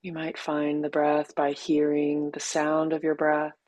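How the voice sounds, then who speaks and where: A woman teacher guides a meditation gently and without hurry, leaving long pauses between short phrases. Her voice is deep and monotone, with no echo.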